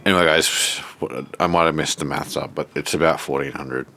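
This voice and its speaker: Man, Australian accent, low-pitched, congested nose, laid-back, thinking aloud, casual video walk-through. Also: steady tone, brisk, sharp tone. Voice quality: stuffed-up, nasal from a blocked nose. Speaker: vlogger showing a self-built shed.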